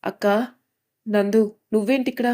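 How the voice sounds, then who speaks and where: A woman's voice: mid-range voice, steady tone, normal speed, mellow, close to an everyday voice. A woman voicing a wounded young married woman who speaks plaintively. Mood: hurt.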